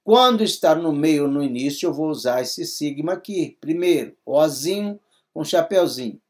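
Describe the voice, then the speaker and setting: A man's voice: a little high, expressive, normal speed, darkish tone. A man teaching a Greek lesson, explaining each step patiently and often checking that his students follow. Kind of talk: recorded classroom lesson.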